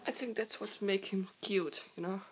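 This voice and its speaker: A young woman with a hoarse, sore-throat voice from a cold, chatting casually in a halting, giggly way as she hosts a show-and-tell vlog. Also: medium pitch, steady tone. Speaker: video host. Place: indoor room with wooden floor. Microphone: handheld camera close by.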